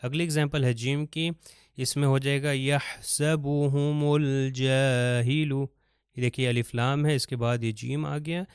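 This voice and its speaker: Male recitation teacher, patient explainer, resonant clear tone, dry close-miked sound. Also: medium pitch, steady tone, dry recording. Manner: explains patiently, slows to chant Arabic examples. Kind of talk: step-by-step recitation lesson.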